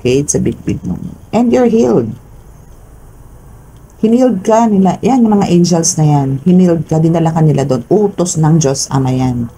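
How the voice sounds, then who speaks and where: Woman, Filipino accent, tarot reader, low voice, emphatic, keeps asking "no?", faint background hiss. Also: animated, moderate pace, mellow, rough recording. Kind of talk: collective tarot reading for viewers.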